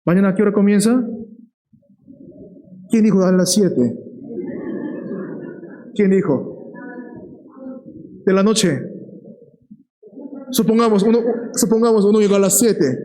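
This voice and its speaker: A man preaching a sermon in a lively way. He often checks in with the listeners and slows down to stress key words. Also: high-pitched, low-quality recording.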